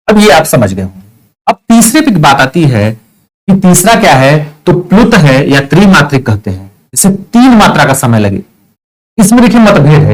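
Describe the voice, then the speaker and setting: A man's voice: a little high, poor audio. A male teacher with a slightly raised voice and an eastern Uttar Pradesh Hindi accent. He walks through a grammar lesson step by step, asking questions and answering them himself. He stretches out vowel sounds to show how they are said. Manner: explains step by step, asks and answers his own questions, draws out vowel sounds.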